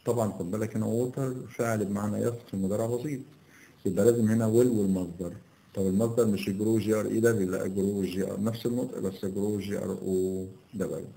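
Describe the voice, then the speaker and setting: A man with an Egyptian Arabic accent teaching an exam review, his voice fairly low and mellow. He reads the English sentences out slowly and explains each one in Arabic. He keeps asking the class questions and then answers them himself. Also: fairly even intonation, creaky, rough recording.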